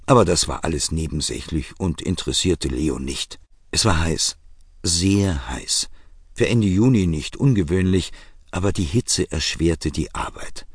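A man giving measured, steady audiobook narration. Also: low-pitched, slightly rough, no echo, clean studio sound.

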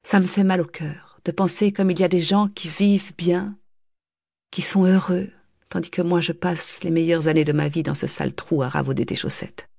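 A woman voicing an irritable, scolding mother with a sharp, nagging manner in an audiobook. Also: fairly low pitch, steady tone, normal speed, creaky, no echo, studio quality. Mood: bitter complaining. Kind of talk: audiobook character voice.

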